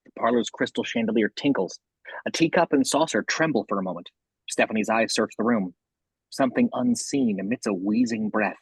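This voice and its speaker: A man with a husky voice reading scripted horror narration, describing the action scene by scene. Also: medium pitch, very animated, a little fast, dry recording, low-quality recording.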